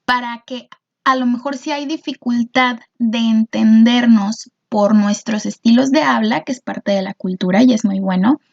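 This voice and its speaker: A woman's voice: a little high, moderate pace, creaky, highs cut off. A woman teacher, patiently explaining a lesson and often checking in with her students. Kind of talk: recorded class explanation.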